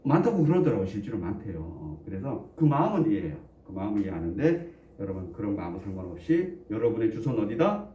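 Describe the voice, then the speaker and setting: Dark-voiced male pastor in an echoey church. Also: fairly low pitch, very animated, fast talker. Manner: conversational, often asks the congregation questions; jokes and chuckles between points. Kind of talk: sermon. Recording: echoey room, distant dull mic.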